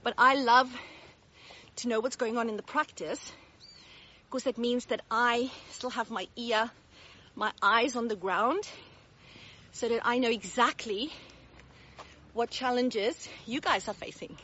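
A woman's voice: a little high, measured pace, pauses often, pushed and bright, highs cut off, slight background noise. Breathless Australian woman vlogging on a walk. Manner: upbeat, direct, laughs often. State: slightly out of breath. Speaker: business mentor. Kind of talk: casual walk-and-talk vlog. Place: outdoors, walking uphill.

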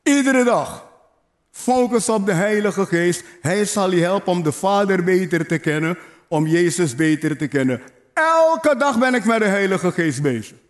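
At normal speed and in an animated, high voice, a male pastor exhorts his listeners. He repeats phrases to urge them on, calls out to the congregation and tosses in playful asides.

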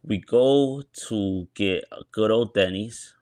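A man's voice: lowish voice, takes it slowly, a little mellow, no room sound. A young man telling a story in a laid-back, colloquial way on a podcast. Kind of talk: casual storytelling.

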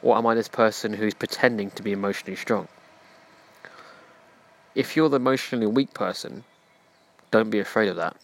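A man's voice: lowish voice, fairly quick, long pauses. A man hosting a self-help podcast, speaking earnestly and preachily in direct address to the listener. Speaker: podcast host.

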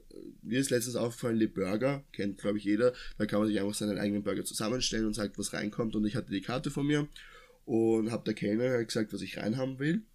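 A young man in his twenties from near Vienna with an Austrian accent, chatting casually and rambling with many restarts. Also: medium pitch. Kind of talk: casual chat.

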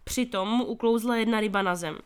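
Female narrator, slightly high voice, reads a children's story aloud and punches the characters' shouts hard. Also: clear, resonant tone. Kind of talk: audiobook reading of a children's novel.

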